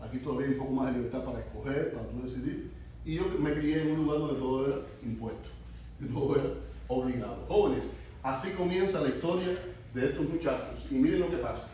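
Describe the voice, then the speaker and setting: A man teaching a sermon to young people, stopping often to quiz them and starting his phrases over. His voice sits at a middle pitch and comes from some distance away, caught in a very echoey room with a faint hiss underneath. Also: fast talker, dark tone. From Cuba. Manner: asks the group questions, restarts often. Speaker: youth pastor. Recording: echoey room, mic from far off.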